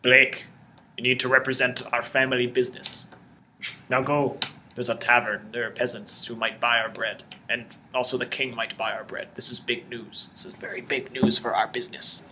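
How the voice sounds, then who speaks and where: A man's voice: medium pitch, level tone, normal speed, bright, forceful tone, a little hiss or hum. A man doing a pushy, salesy baker. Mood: bossy. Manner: bossy, salesy. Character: pushy, business-minded male baker.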